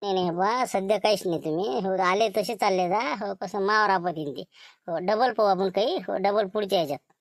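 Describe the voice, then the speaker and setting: A man's voice: high voice, brisk, no room sound, clean studio sound. A man with a Varhadi Marathi accent playing a sly scheming undercover servant in a village comedy sketch, wheedling and sprinkling his talk with little fillers. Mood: plotting.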